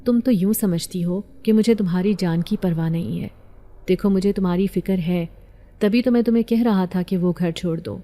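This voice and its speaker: A woman's voice: medium pitch, warm tone, lightly acted. A woman voicing an earnest, protective young educated man in an audio story, speaking urgently. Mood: worried.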